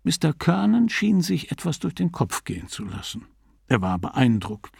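A man narrating a literary story in a measured, even storytelling voice. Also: on the high side, vocal fry, husky, no room sound, studio quality. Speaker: audiobook reader.

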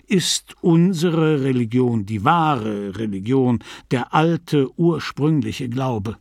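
A man reading a calm, self-assured middle-aged Dublin man who talks with confident authority. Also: on the high side, measured pace, gravelly, no echo, clean studio sound, voice pushed up, full character voice. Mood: persuading.

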